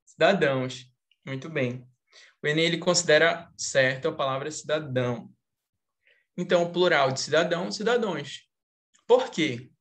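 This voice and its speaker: A man's voice: a little high, moderate pace, fairly bright tone. A young Brazilian man with a Brazilian Portuguese accent, teaching a live online writing lesson, explaining step by step and asking the class questions.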